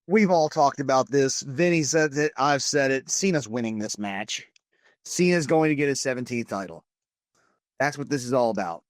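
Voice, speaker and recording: A male podcast co-host with a firm, matter-of-fact way of talking. His voice sits at an ordinary pitch and is recorded dry, with no room around it. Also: normal speed, no echo. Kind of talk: casual wrestling podcast chat.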